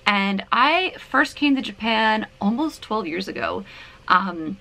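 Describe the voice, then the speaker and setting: Woman, thirties, from Canada, bright tone, giggly, self-deprecating, home vlog. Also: medium pitch, lively intonation, slow, gravelly. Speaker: vlogger. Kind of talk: casual chat to camera. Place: her apartment, indoors. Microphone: camera.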